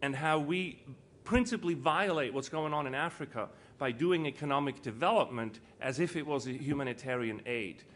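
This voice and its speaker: This medium-pitched, fairly bright voice belongs to a Swiss entrepreneur and foundation co-founder in middle age, speaking at a normal speed. He stresses his points with repetition and rhetorical questions in an earnest, informal panel talk. It's recorded live indoors, with noticeable audience and room noise.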